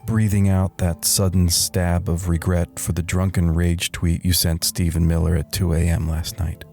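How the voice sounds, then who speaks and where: A low-pitched voice with vocal fry narrates a satirical guided meditation, the man portraying a tired, wry, middle-aged slacker turned guru. Calm and deadpan, he soothes with intentional pauses while soft music plays behind.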